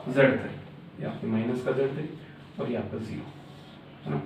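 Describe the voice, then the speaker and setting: A man's voice: mid-range voice, fairly quick, a little mellow. Man lecturing in a very echoey room. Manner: repetitive filler-laden explaining, frequent "aapka". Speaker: teacher. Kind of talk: classroom lecture at a board. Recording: very echoey room, mic far off, faint noise.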